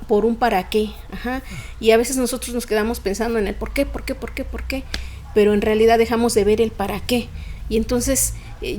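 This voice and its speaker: Emotional woman with raised pitch. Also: darkish tone, a little hiss or hum. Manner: emotional, fluent retelling with frequent fillers. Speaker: podcast guest. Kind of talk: personal storytelling in conversation.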